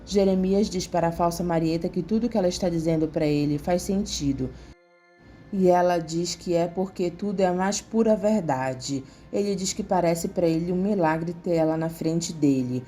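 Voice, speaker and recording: Brazilian woman narrator, dark mellow tone, steady scripted read over faint music. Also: lowish voice, normal speed. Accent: Brazilian Portuguese. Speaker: soap opera recap narrator.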